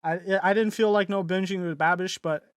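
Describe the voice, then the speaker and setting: This young podcast co-host has a high, clear, resonant voice, speaking briskly in a steady tone on a dry, clean studio track. His casual chat wanders with lots of fillers and false starts, and he does loud impressions whenever he quotes someone.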